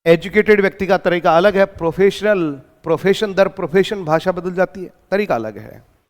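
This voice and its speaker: Man, Indian accent, lecture, asks and answers his own questions, high voice. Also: normal speed, long reverb tail. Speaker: exam-prep English teacher. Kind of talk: lecture in Hindi mixed with English terms.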